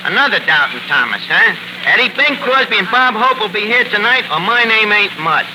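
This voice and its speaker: In a noisy 1940s radio broadcast, the comedy show's lead plays a bumbling, cocky tavern manager with a New York accent. His high voice is very animated and brisk as he wisecracks and mangles words with self-important malapropisms.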